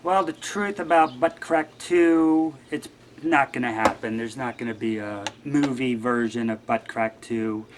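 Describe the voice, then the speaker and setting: A man's voice: mid-range voice, fairly bright tone, slight background noise. A man guest-hosting a show, talking in a rambling, wry and offhand way. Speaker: guest host. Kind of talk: casual monologue.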